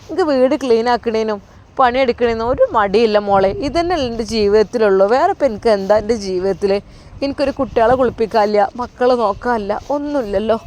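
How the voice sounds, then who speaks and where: A woman's voice: on the high side, quick pace, darkish tone, close to an everyday voice. A woman playing an earnest young helper from Malappuram. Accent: Malappuram Malayalam. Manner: earnest, insistent.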